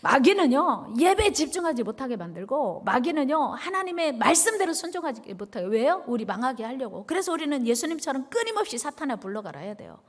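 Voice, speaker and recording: Animated woman pastor, high expressive voice. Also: brisk, few pauses. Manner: animated, call-and-response with congregation; emphatic repetition. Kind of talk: sermon.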